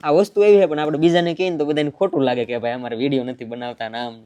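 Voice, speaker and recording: A man's voice: fairly high pitch, fairly even intonation, racing, mellow. A man, giving blunt advice in a casual chat. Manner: blunt, preachy, matter-of-fact. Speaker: vlogger.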